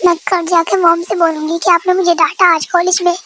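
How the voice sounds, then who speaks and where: A woman's voice: very high-pitched, flat delivery, brisk, background noise. A woman voicing a sulky, childish young wife who talks back, in an amateur fan dub. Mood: defiant. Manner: pouty, defiant.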